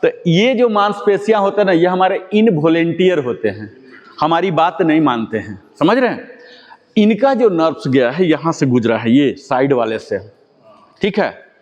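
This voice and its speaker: Hindi-speaking yoga teacher in a reverberant room. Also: male voice, fairly high pitch, animated, moderate pace. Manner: gives step-by-step commands to a group; asks the class rhetorical questions. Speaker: yoga instructor. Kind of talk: guided exercise class. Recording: long reverb.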